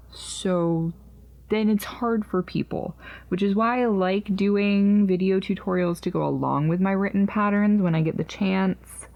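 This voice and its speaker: A woman's voice: medium pitch, highs cut off. A woman in her thirties hosting a podcast, chatting casually and ramblingly about her crochet projects and sometimes calling herself by name. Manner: chatty, rambling, jokingly refers to herself in third person. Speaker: podcast host.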